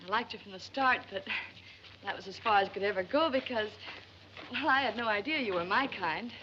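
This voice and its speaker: An actress playing a brisk, earnest show owner in 1940s screwball comedy banter, on an old film soundtrack. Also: female voice, medium pitch, dull audio, background noise, natural voice. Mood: earnest, encouraging. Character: brisk, earnest woman running a travelling show. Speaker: film actor.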